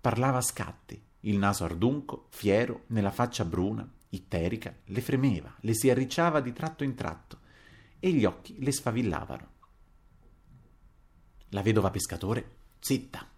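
A man narrating a novel as an audiobook, in an expressive, dramatic reading. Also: on the low side, normal speed, slightly rough. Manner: expressive, dramatic reading with wide swings in loudness.

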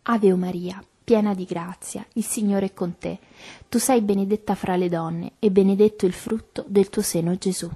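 Soft-voiced woman reciting prayers. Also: medium pitch, normal speed, breathy edge. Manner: soft, even, devotional recitation. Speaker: prayer leader.

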